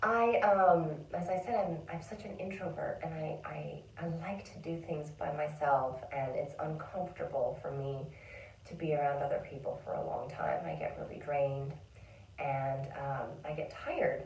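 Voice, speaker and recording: A woman's voice: deep voice, normal speed, darkish tone, lo-fi sound, slight background noise. A woman in a reflective casual monologue, chatty and emotional, full of fillers and whispered inner thoughts. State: tearful at times. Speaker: vlogger and songwriter. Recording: roomy sound from a distance.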